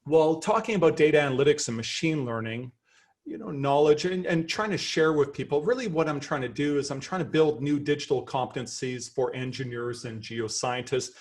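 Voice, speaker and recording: With a mid-range voice, a middle-aged Canadian man lectures a seminar as a professor in a lively, chatty style. He has a Canadian accent and sounds enthusiastic and self-deprecating.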